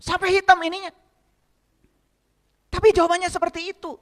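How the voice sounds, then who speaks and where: A man's voice: very high-pitched, flat delivery, a little fast, fairly bright tone. A man with a light tinge giving a sermon, pressing the congregation with rhetorical questions. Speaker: spiritual teacher. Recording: long hall reverb.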